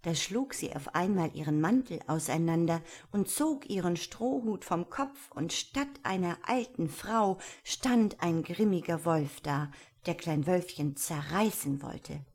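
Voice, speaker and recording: A woman reads a fairy tale aloud in a calm, even way. Her voice sits a little low for a woman. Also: measured pace, few pauses. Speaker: storyteller.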